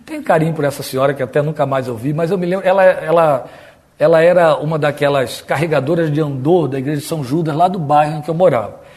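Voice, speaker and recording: A Brazilian pastor with a somewhat high voice teaching a Bible study. He talks to the congregation in an easy, conversational way. He slips into mock-solemn prayer voices to poke fun at them. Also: quick pace, darkish tone. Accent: Brazilian Portuguese. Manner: conversational, mimics stiff pompous prayer voices.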